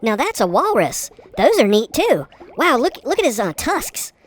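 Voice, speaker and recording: A woman hosting a children's spelling video, giggling often and talking in an excitable, sing-song way. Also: fairly high pitch, moderate pace, a little hiss or hum. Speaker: host of a kids' spelling video. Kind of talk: playful children's spelling narration.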